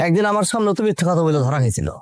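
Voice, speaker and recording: An actor playing a musing, sympathetic middle-aged village uncle. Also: male voice, fairly high pitch, big pitch swings, rapid-fire, dry recording.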